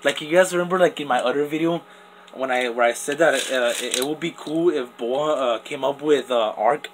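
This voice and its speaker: At a moderate pace in a mid-range voice, a young man who could be a teen hosts toy top battles off camera, with background noise. His casual commentary wanders, repeatedly restarting and peppered with "like" and "literally."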